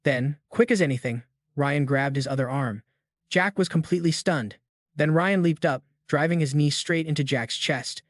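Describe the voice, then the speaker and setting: A man narrates a comic story recap in a casual, slangy manner. His voice sits a bit high and is recorded dry on a close mic. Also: moderate pace, no echo.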